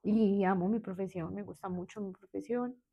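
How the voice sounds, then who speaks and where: A woman's voice: mid-range voice, fairly even intonation, moderate pace, gravelly, lo-fi sound. Candid Colombian woman telling her story. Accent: Colombian, Medellín. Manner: candid, hesitant, with frequent restarts. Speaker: guest, therapist. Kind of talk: personal storytelling interview.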